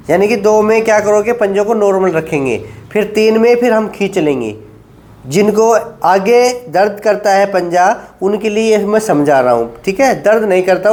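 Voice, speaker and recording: A middle-aged man teaching knee exercises as a yoga instructor, giving firm directions, repeating "ठीक है" and counting slowly through each hold. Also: high voice, darkish tone.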